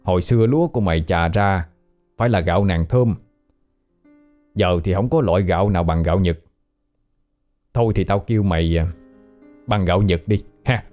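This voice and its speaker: A man's voice: low voice, normal speed, pauses often, darkish tone, soft background music, natural voice. A man voicing a coarse, teasing male ghost who has haunted a house for a century, talking in blunt slang.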